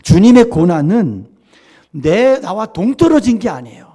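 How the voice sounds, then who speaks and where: A man preaching a Sunday sermon, swinging from loud exclamations to hushed, intimate asides. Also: sits high, sing-song, breathy edge. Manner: sings hymn lines slowly. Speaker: pastor.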